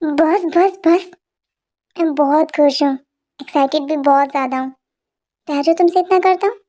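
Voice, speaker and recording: Woman voicing a young husband, playful, coaxing, fan dub, high pitch. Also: normal speed, warm tone, lightly acted. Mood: teasing. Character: young man, playful teasing newlywed husband. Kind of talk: Hindi fan dub storytelling.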